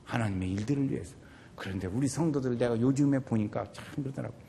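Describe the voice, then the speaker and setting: A male pastor preaching a sermon, urging the congregation on with animated rhetorical questions. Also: mid-range voice, quick pace, creaky, big-room sound, a little hiss or hum.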